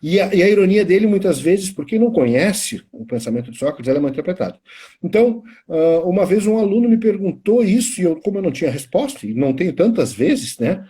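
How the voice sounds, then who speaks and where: Middle-aged Brazilian teacher, husky and mellow, rambling storyteller on a live stream. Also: male voice, high voice, sing-song, fast talker. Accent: Brazilian Portuguese. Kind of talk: casual chat on a live stream.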